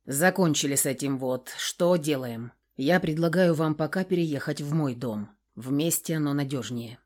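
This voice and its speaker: A woman voicing a gruff, hot-tempered father. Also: sits low, moderate pace, pitched below the performer's own voice. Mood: gloomy. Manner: grumbling, bursts into roaring shouts.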